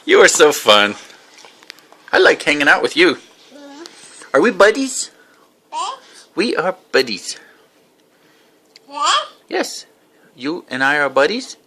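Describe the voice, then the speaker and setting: Woman, low voice, sing-song baby talk, slow and coaxing, home kitchen. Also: big pitch swings, a bit bright, a little hiss or hum. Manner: coaxing, sing-song, asks simple questions.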